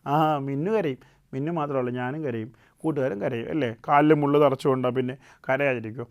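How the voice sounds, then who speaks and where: A man hosting a children's puppet show, telling a folk tale gently and often asking the young listeners questions. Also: medium pitch, brisk, muffled recording. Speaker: puppet show host and storyteller. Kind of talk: storytelling to children.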